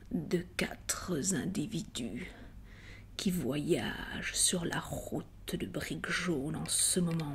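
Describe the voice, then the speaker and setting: A woman's voice: deep voice, gravelly, heavily acted. A woman playing a menacing, haughty wicked witch in a whispered ASMR roleplay, drawing out her probing words.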